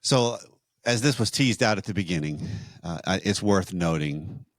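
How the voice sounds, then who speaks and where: Very low-voiced man explaining calmly. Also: dry recording, studio quality. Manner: measured, explanatory, with restarts and rhetorical questions. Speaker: co-host of a marriage podcast. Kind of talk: conversational teaching on a podcast.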